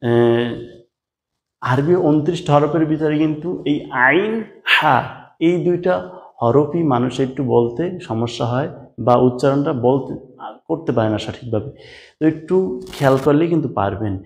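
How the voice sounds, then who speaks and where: In a slow pronunciation lesson, this Quran recitation teacher speaks in a mid-range voice at a moderate pace, leaving long pauses. He works through letter sounds one step at a time, patiently repeating them, addressing the viewer as brother and having him echo each sound.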